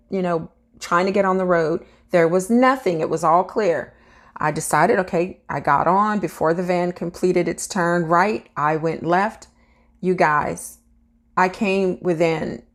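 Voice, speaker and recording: A woman reading out a news story and then chatting earnestly to her viewers about it. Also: lowish voice. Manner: earnest, addresses viewers directly. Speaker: vlogger.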